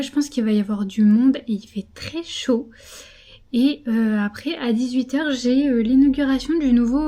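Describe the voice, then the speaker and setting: A woman's voice: a little high, dark tone. A young woman chatting casually to her camera in a vlog, with many fillers and repeated words. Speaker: vlogger. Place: out and about in town, café terrace.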